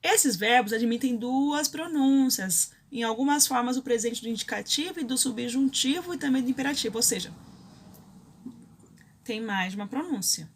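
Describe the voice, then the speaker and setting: A woman's voice: fairly high pitch, normal speed, breathy edge. A Brazilian woman teaching a grammar lesson, explaining rules step by step and often checking in with her students. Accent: Brazilian Portuguese.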